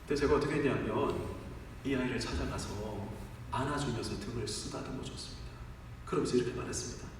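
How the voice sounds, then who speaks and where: A man's voice: mid-range voice, quick pace, noisy background. A middle-aged man preaching a sermon as pastor, leaning on rhetorical questions to the congregation and a rhythmic, listing cadence. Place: large church sanctuary. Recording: echoey church hall from far off.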